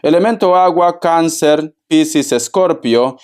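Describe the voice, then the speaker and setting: A man's voice: fairly high pitch, a little slow, darkish tone, smooth. A man giving a tarot reading for viewers, flamboyant and teasing, often laughing and chatting to a friend. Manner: chatty, keeps addressing a friend by name. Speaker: tarot reader.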